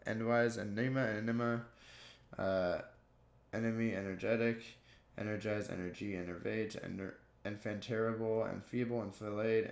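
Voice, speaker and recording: A man's voice: fairly low pitch, creaky. A man reading dictionary entries aloud one word after another, with frequent stumbles and restarts. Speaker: video creator. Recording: echoey room.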